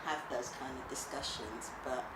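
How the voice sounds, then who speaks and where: A woman's voice: rumbling low, steady tone, moderate pace. A middle-aged woman, speaking emotionally and laughing easily in a casual interview. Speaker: interviewee, mother and grandmother. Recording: echoey room with background noise.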